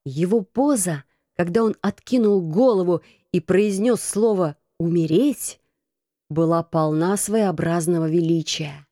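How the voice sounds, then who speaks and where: A woman narrating a children's novel as an audiobook, in a steady, expressive reading. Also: on the low side, measured pace, few pauses, no echo, clean studio sound. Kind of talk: scripted narration.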